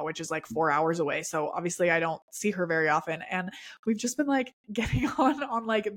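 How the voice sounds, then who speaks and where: Giggly young woman podcast co-host. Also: on the high side. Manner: giggly, chatty, lots of fillers. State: sniffly after a near-sneeze. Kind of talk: casual chat.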